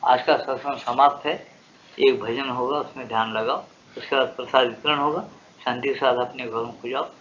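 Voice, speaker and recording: A man's voice: medium pitch, fairly even intonation, moderate pace, a bit bright, a little hiss or hum. A man in his seventies from Telangana, a spiritual teacher giving a devotional discourse full of rambling, colloquial anecdotes. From Telangana, India. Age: 70s. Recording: dull muffled old tape.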